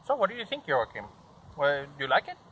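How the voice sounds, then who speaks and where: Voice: medium pitch, very animated, fast, a bit bright, a little hiss or hum, poor audio. A vlogger chatting playfully and teasing a friend while filming. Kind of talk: casual vlog chat.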